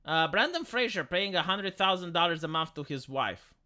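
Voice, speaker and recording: A man's voice: high-pitched, lively intonation, normal speed, sharp tone. A man with a tinny, metallic sound, chatting casually and bluntly as a live streamer who argues back at comments. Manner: argumentative, blunt, swearing. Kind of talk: casual opinionated chat, answering comments.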